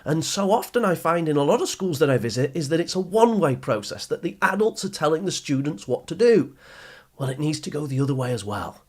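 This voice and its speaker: Speaking briskly with big swings in pitch, this British podcast host gives motivational advice, his voice slightly high and darkish. He coaches study skills, explaining emphatically to his listeners and leaning on rhetorical questions and repetition.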